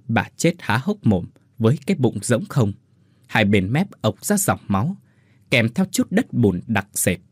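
A man's voice: mid-range voice, breathy edge, dry recording, studio quality. A man narrating a dramatic folk story in an emotive storytelling manner.

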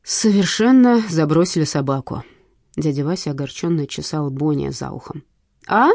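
A woman reading an audiobook in a lively, wry storytelling manner. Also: deep voice, normal speed, vocal fry, no echo, clean studio sound. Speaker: narrator. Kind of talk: audiobook narration.

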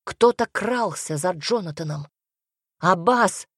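A woman narrating a first-person fantasy audiobook with wry, lively storytelling. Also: medium pitch, measured pace, dry recording, clean studio sound.

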